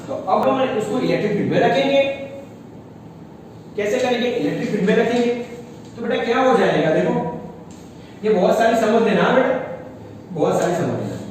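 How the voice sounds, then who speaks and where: Man, physics teacher, classroom lecture, high voice, roomy echo, far from the mic. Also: animated, moderate pace, pauses often, a little mellow, slight background noise. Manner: calls students "beta", asks checking questions.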